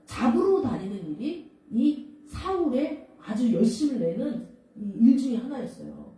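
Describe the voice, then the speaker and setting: A woman preaches a sermon in a church, telling the story with lively swings of pitch and often asking her listeners questions. Her voice sits a bit high but sounds mellow. The mic is some way off, and the hall makes her voice ring with strong echo. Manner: animated storytelling with rhetorical questions. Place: church sanctuary. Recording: very echoey hall, mic far off.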